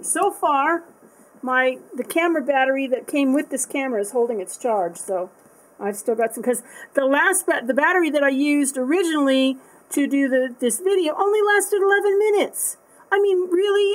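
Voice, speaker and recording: A woman's voice: high-pitched, poor audio. Chatty woman rambling through an unboxing. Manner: rambling, thinks aloud with many fillers and restarts. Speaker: art supply unboxing vlogger. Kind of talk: casual unboxing chat.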